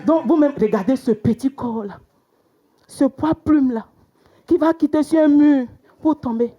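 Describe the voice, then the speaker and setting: A young woman performing a stand-up comedy routine, telling stories with sudden loud exclamations. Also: high voice, measured pace. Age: young adult.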